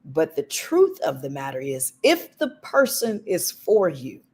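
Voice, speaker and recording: Slow, husky-voiced woman giving advice. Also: low voice, big pitch swings, a little mellow. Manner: slow, deliberate and emphatic. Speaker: podcast co-host. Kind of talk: relationship advice talk.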